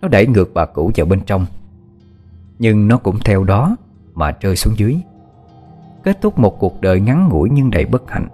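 A man narrating a dramatic horror story in a measured, expressive storytelling manner. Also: on the low side. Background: faint music.

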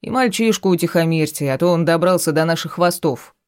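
A reader doing a booming, brash male companion. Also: a little fast, clear, resonant tone, no room sound, studio quality, natural voice.

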